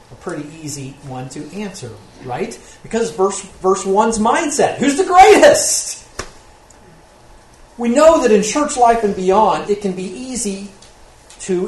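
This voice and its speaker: A man's voice: high-pitched, a little mellow. A man preaching a sermon as pastor, earnest, often asking rhetorical questions and checking in with "right?". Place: church sanctuary. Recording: roomy church recording with faint noise.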